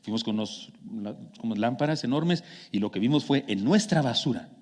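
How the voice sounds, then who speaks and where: A man with a Mexican accent preaching a sermon as a pastor, telling stories in a conversational way that swings from hushed to emphatic. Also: medium pitch, lively intonation, a little fast. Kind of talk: sermon with personal storytelling. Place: church sanctuary. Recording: long church hall reverb.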